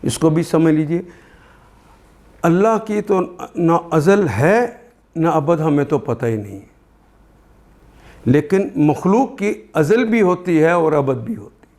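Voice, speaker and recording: An older man with a Pakistani Urdu accent gives a word-by-word Quran translation lesson. His voice sits somewhat high, and he speaks slowly and deliberately, repeating each term as he explains it. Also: animated, darkish tone. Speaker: Quran teacher.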